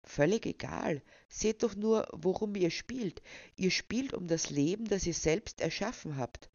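A man's voice: high voice, expressive, a little slow, darkish tone, lo-fi sound. A woman voicing a hesitant, earnest young man in a storybook scene, reproachful in manner. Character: Jesus, a hesitant, sulky young man at a card table.

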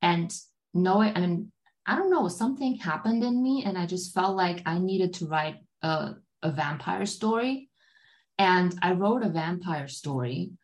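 A German woman whose first language is German rambles through stories as a guest author on a casual podcast, packing in fillers and plenty of "like"s. Her voice is lowish and a little slow.

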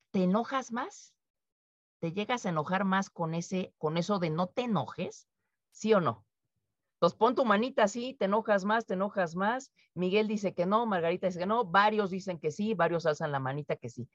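A woman's voice: mid-range voice, moderate pace, no room sound. A woman with a Mexican accent presenting a webinar, talking to participants, acting out quoted speech and asking tag questions. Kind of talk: interactive webinar talk. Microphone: video call. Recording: dull, dry video-call audio.

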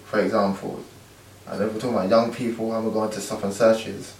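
A man's voice: on the low side, level tone, quick pace, a little mellow, slight background noise. A young man with a London accent chatting casually, full of street slang and tag questions. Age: young adult. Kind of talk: casual chat. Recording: echoey room, distant from mic.

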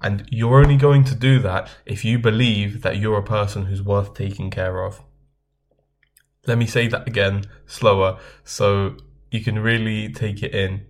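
A man hosting a self-help video, giving earnest, measured advice straight to his viewers. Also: on the low side, steady tone. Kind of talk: scripted self-help talk to camera.

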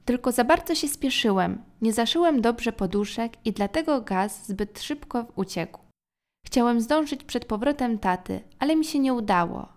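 A woman's voice: a little high, expressive, moderate pace. A woman voicing a sheepish eldest son in a storybook, confessing and explaining. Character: sheepish eldest boy of a family.

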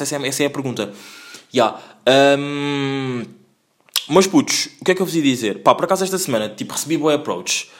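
A man with a European Portuguese accent hosting a casual solo podcast, rambling in slang with constant fillers and restarts. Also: mid-range voice. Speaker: podcast host.

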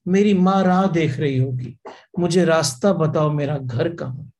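A drunk, lost grown man cries out again and again to be taken home, as a preacher acts him out. He pleads loudly and repeats himself, his voice a touch higher than a calm speaking voice. The part comes inside a spoken parable. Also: measured pace, natural voice. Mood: desperate pleading.

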